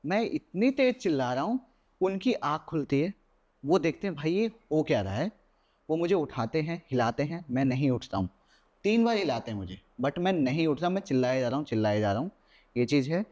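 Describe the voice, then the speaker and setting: A young adult man with a voice set a touch high for a man recounts a personal horror story as a podcast guest. He builds the tale in vivid, animated bursts, slipping English words into his Hindi as he goes. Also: brisk.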